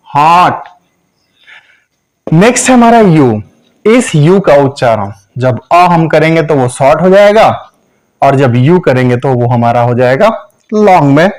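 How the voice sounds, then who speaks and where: A man who speaks teaches English pronunciation in a video lesson, with a voice sitting a little above the usual male range. He talks slowly and deliberately, going over each point more than once and drawing out every sample sound. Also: a little high, darkish tone, rough recording.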